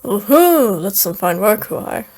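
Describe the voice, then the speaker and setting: A woman's voice: medium pitch, big pitch swings, slow, a little mellow, low-quality recording. A woman voicing a jovial old male dragon with a drawling rustic old man voice and a folksy, grandfatherly manner, in a voiced reading of a game story. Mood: teasing.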